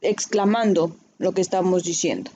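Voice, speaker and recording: A woman's voice: on the low side, normal speed, dark tone, a little hiss or hum. A woman teaching a writing class, explaining patiently and often checking in with her students. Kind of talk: recorded online class.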